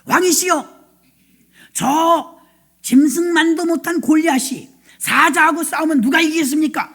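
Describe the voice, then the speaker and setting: A woman's voice: sits high, expressive, normal speed. A woman pastor voicing an earnest young shepherd boy who pleads respectfully during a sermon.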